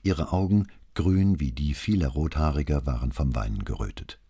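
A man narrating a crime novel as an audiobook in a calm, measured reading style. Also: very deep voice, breathy edge.

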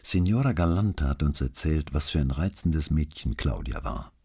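A courteous middle-aged detective, as a male reader plays him questions a witness gently and patiently. His voice sits very low, dark and mellow, with a husky edge. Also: lively intonation, normal speed, heavily acted. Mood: gently probing.

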